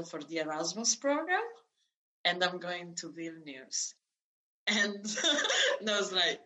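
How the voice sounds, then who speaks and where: Slow, halting speech filled with fillers and false starts marks this Italian-born guest, in her thirties, during an easygoing interview. Though pitched a bit low, her voice comes across bright and forward, captured in low-quality audio.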